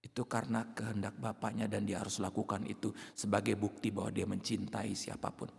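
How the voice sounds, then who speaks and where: Pastor preaching in a long-reverb hall. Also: male voice, on the low side, level tone, brisk, creaky. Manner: dramatic, shouts out acted outbursts. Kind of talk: sermon.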